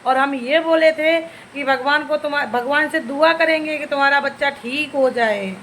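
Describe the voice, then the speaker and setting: A woman's voice: sits high, normal speed, fairly bright tone, slight background noise. A woman vlogger, scolding and taunting an older woman in a reply video.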